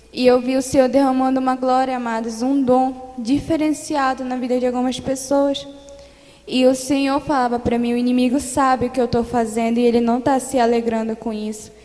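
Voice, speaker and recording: A young Brazilian woman recounts a religious testimony in an earnest, fervent way, circling back to the same phrases. Her voice sits high but stays fairly even in tone. The sound carries a long echo, as in a church hall. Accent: Brazilian Portuguese. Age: young adult. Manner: earnest, repetitive storytelling that grows louder and more fervent. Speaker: church member giving testimony.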